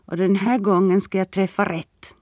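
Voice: medium pitch, little pitch movement, dry recording, studio quality, lightly acted. A reader voicing a shaking, enraged young man. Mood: menacing. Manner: shouting, tense.

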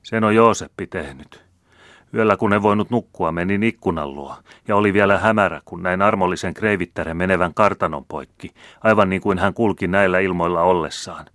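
A man's voice: deep voice, a bit bright, no echo, clean studio sound. A man reading the part of a frightened young male servant who rambles and jumbles his words. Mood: rambling. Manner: rambling, jittery.

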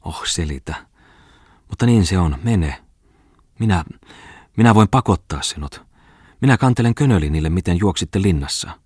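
Jittery drunk office clerk, trembling whiny voice, pushed a bit higher, read by a man; storybook figure. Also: expressive, long pauses, darkish tone, husky, dry recording, studio quality. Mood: sullen. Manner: trembling, whining, agitated. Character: drunk, distraught middle-aged male office clerk.

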